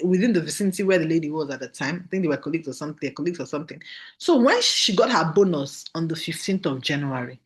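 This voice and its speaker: A woman with a Nigerian accent giving a motivational training talk, emphatic and repeating key phrases while checking that listeners follow. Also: fairly low pitch. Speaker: business trainer.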